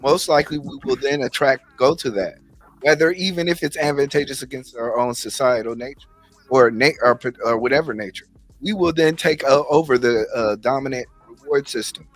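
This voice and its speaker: A man's voice: medium pitch, a little fast. Man with mic cutting in and out. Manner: hesitant, searches for words. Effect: mic cutting in and out, uneven volume. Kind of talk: online panel discussion. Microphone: streaming call mic.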